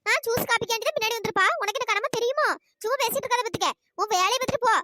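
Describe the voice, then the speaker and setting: A woman's voice: extremely high pitch, rapid-fire, noisy background. A woman voicing a sly, meddling village woman who stirs up quarrels in a cartoon. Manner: scolding, sly and gossipy. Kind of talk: cartoon voice acting.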